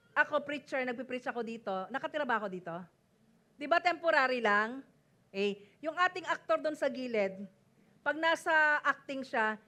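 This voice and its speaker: A Filipino woman pastor preaching to her congregation in a high, bright register. She speaks emphatically, switching between Tagalog and English and often pausing to call out for an amen. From Philippines. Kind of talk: sermon mixing Tagalog and English. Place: church service before a congregation.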